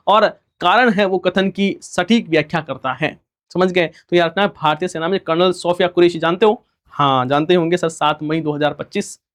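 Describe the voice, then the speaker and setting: Male tutor, fairly high voice, quick recorded lecture, asks and answers himself. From India. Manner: rhetorical questions and repeated answers, student-style replies; fast-talking. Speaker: teacher. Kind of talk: recorded exam-prep lecture.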